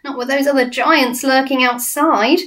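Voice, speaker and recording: A woman's voice: high voice, fairly even intonation, normal speed, fairly bright tone, voice pushed up. A woman voicing a small, timid young girl in a storybook, polite and anxious. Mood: polite, wary.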